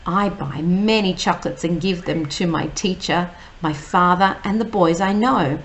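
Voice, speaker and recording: A woman teacher, reading a picture book aloud slowly and explaining each word. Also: on the low side, low-quality recording. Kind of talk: read-aloud storytime.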